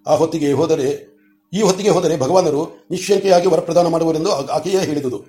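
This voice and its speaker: A man's voice: on the high side, a little fast, warm tone, roomy sound, faint music behind, close to an everyday voice. A man reading the lines of an earnest young female disciple who makes a respectful plea.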